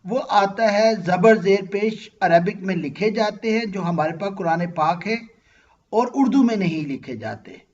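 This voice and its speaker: A man's voice: high voice, expressive, unhurried, darkish tone, muffled recording. A man, teaching Arabic grammar in an online class and patiently quizzing his students. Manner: patient, asks students questions and checks understanding.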